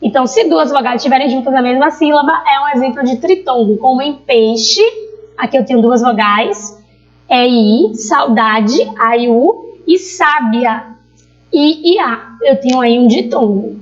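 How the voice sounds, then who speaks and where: A Brazilian woman with a high, bright-toned voice teaches a recorded grammar lesson. She explains patiently and stretches out each example word so the class can hear it. The recording sounds dull and lo-fi. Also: unhurried. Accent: Brazilian Portuguese. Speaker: primary school teacher.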